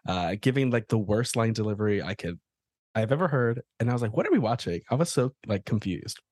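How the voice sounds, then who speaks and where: A podcast co-host in casual chat, slangy and sweary, telling things haltingly and quoting their own reactions. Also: medium pitch, darkish tone, dry recording, studio quality. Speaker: podcast co-host reviewing short films.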